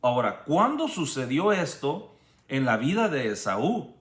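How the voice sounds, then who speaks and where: Man, preacher, slow measured explaining, animated pitch, echoey room. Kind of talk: bible study sermon.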